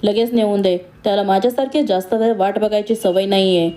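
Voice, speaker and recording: A woman's voice: medium pitch, fairly even intonation, brisk, dark tone, close to an everyday voice. A woman voicing a stern elderly grandmother who rules her household, speaking in a commanding, thundering way.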